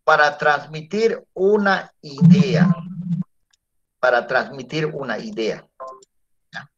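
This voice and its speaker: A man's voice: on the high side, animated, slow, fairly bright tone, a little hiss or hum. A male teacher giving a classroom lecture, often checking in with his students through tag questions. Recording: dull lo-fi classroom recording.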